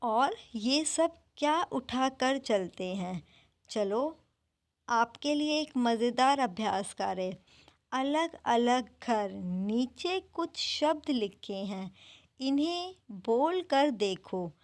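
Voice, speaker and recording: A woman teaching a primary school class online, drilling words slowly one at a time. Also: a little high, expressive.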